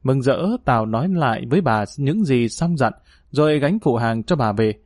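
Male audiobook narrator, mid pitch, even delivery, dry close recording. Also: moderate pace, no room sound. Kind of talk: scripted narration.

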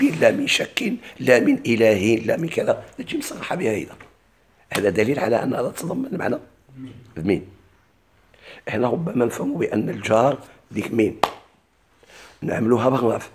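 A man with a Moroccan Arabic accent teaches a classical grammar lesson, repeatedly asking his class questions and answering them himself. His voice is mid-range and creaky, with a little hiss or hum in the recording.

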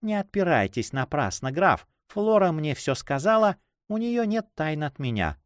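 A man voicing a quick-witted, mischievous young noblewoman who teases and laughs at the lovers. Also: a little high, dry recording, studio quality, voice pushed up. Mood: teasing. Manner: mocking, laughing, lively.

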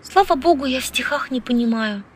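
A woman's voice: high-pitched, expressive, moderate pace, slight background noise, voice pushed up. A woman reading an audiobook, voicing a bold, flirtatious, outspoken woman who teases freely. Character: brash, lively flirtatious woman scientist.

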